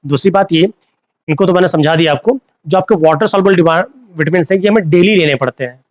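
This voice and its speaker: Over a phone with no echo, a man with a slightly high voice leads a live online class at a quick pace. He weaves English into his teaching and repeats key terms to his students as questions.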